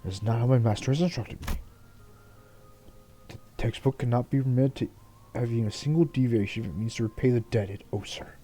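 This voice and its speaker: A man voicing a solemn, dutiful swordsman who speaks formally and quietly. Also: medium pitch, fairly quick, lightly acted.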